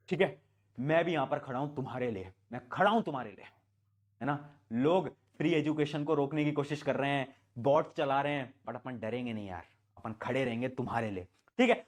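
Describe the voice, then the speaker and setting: A young man tutoring students online, giving a motivational exam-prep talk that speaks straight to them and repeats his points. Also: fairly high pitch. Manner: pep-talk, addresses students directly, repeats phrases. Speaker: online tutor for board exams. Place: indoor room, standing before camera.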